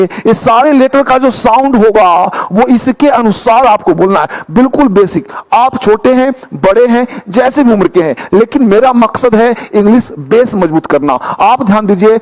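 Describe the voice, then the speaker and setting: A man teaching an English pronunciation lesson, drilling letter sounds one by one and checking understanding with quick questions. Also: very high voice, animated, a little mellow, low-quality recording. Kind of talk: classroom-style lesson.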